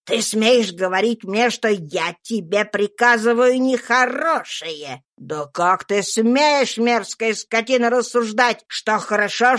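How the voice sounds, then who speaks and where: A woman doing a brutal sneering slave owner. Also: mid-range voice. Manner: shouting, sneering, slow and heavy threats. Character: brutal, mocking middle-aged male slave owner.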